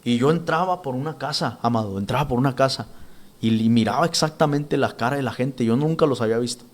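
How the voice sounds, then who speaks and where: Earnest halting man giving testimony. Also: medium pitch. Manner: earnest, halting, with many restarts and repeated words. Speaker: church minister giving testimony. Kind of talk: spoken testimony.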